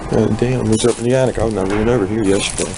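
A man exploring an abandoned house, filming and muttering wary, hushed remarks into a handheld camera. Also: on the low side, steady tone, very fast, gravelly. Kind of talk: casual handheld exploring commentary. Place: dark abandoned house indoors. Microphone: handheld camera mic. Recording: noisy handheld camera audio.

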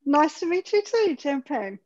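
A woman's voice: sits high, big pitch swings, unhurried, a little mellow. A woman who is a visiting English teacher, greeting students in a friendly online class over a video call. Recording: dull lo-fi video call audio.

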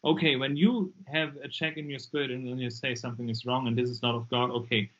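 Talking fast with fairly even intonation, this guest's medium-pitched voice has a fairly bright tone and a lo-fi sound. He's a deliverance minister from Germany in his forties, speaking accented, non-native English through earbuds on a video call from a dim room. In this casual interview he's emphatic, repeating words whenever he drives a point home.

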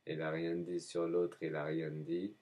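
A man in a rambling spoken monologue, halting often and repeating himself as if answering his own questions. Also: low voice, monotone, a little mellow. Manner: halting, frequent hesitations.

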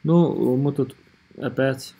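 A man narrating an informal screen tutorial as its presenter, in a hesitant, halting way, often repeating himself. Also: mid-range voice, fairly even intonation, mellow, husky. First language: not Russian or rusty Russian speaker living abroad.

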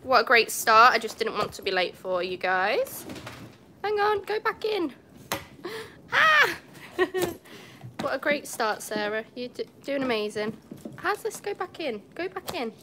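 In a cat cafe with large windows, a young woman from England who has a cold chats on a livestream, her phone on a tripod picking her up. Her voice is a little high with big swings in pitch, and her pace is unhurried. She laughs a lot and often apologizes, with noise in the background.

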